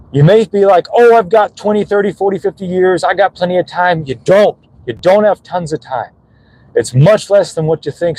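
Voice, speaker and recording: A man's voice: a little high, darkish tone, low-quality recording. A young man vlogging from his phone, talking earnestly and emotionally to his viewers, swearing casually as he encourages them. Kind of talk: motivational talk to viewers. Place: gym.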